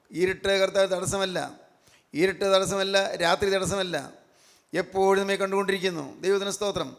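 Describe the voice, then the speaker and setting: In a large hall, a high-pitched man with a Malayali accent preaches a sermon. He hammers his points home by repeating them and keeps breaking into phrases of praise.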